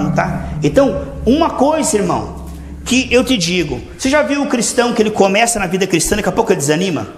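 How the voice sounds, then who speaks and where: A man preaching a sermon, earnest and exhorting, repeatedly addressing his listeners as brothers and stretching out words for emphasis. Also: high voice. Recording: echoey room with faint ambient noise.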